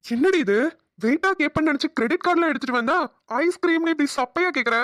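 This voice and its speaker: A woman's voice: fairly high pitch, fast talker, a bit bright, dry recording, studio quality, natural voice. A woman voicing a protective young husband in a cartoon, teasing his wife with affectionate ribbing. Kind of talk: cartoon voice acting.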